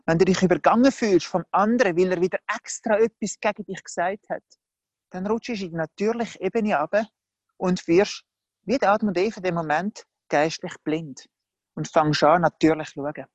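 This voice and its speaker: A preacher giving a sermon in a lively, conversational way, often acting out the people in the story. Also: mid-range voice, moderate pace, dry recording. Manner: lively, conversational, acts out the characters.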